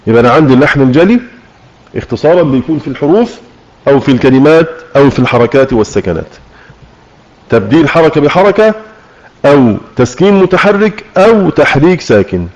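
A man's voice: on the high side, very animated, a little mellow. Egyptian man teaching Quran recitation. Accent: Egyptian Arabic. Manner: explains with questions to listeners, slows to demonstrate recitation. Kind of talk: religious lesson on tajweed. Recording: muffled lo-fi online audio room.

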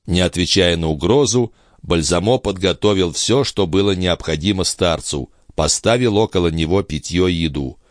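A man giving calm, measured audiobook narration. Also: deep voice, no room sound, clean studio sound.

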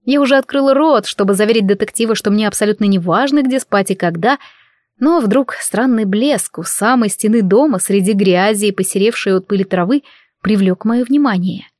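A woman's voice: medium pitch, brisk, a little mellow, no echo. Woman reading a novel aloud, dry sound. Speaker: audiobook narrator. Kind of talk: first-person novel narration.

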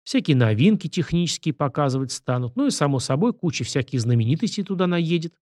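A man reading the lines of a calm, ironic young man in an audiobook, dry in manner. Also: fairly high pitch, fast, no echo, close to an everyday voice.

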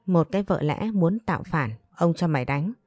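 A woman reading a cheeky, loud-mouthed younger brother. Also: fairly low pitch, animated, normal speed, no echo, studio quality, soft background music. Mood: defiant. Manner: defiant, cheeky.

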